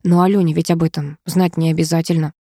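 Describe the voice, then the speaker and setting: A woman voicing a cheeky, calm young man who teases his companion, in an audiobook reading. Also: low voice, fast, slightly rough, dry recording, studio quality. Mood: calm teasing.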